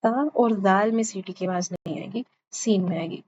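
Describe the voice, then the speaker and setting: A woman's voice: mid-range voice, a little mellow. A woman teaching Quran pronunciation in a class, who patiently repeats each letter sound for her students to copy. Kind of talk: online class lesson. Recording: slightly dull lo-fi audio with faint background hiss.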